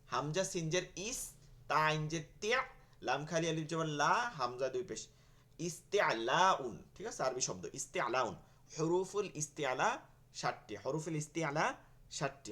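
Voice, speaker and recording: Fairly bright and on the high side, a man's voice leads an online lesson in reading the Quran. He keeps repeating letter names as drills and answers the very questions he puts to the class.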